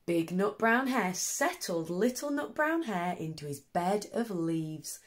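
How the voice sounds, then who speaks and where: A woman's voice: medium pitch, slow. A woman primary teacher reading a picture book to young children, expressively and with questioning asides to them. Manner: animated, asks tag questions, child-directed.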